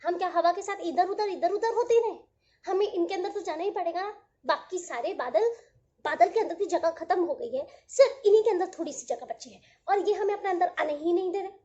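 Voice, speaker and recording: A woman doing squeaky pleading little raindrops. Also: warm tone. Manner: pleading, quick, high and eager. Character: tiny fretful raindrops, childlike female crowd. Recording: dull lo-fi audio.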